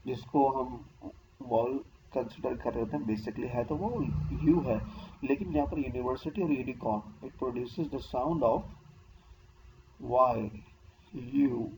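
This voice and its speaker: A male teacher walks through a grammar lesson at an unhurried, deliberate pace. He explains each point patiently and keeps checking in with the listener. A faint hum of room ambience sits under his voice. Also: mid-range voice. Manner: slow, patient explaining, often checking with "ठीक है". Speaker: English teacher.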